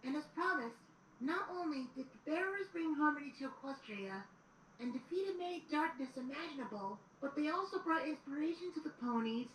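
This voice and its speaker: A woman performs a young boy dragon assistant who reads history aloud, giving audio drama storybook narration in an earnest mood. She sounds high and a bit bright, fairly quick, with lively intonation, over distant, roomy, noisy replayed audio.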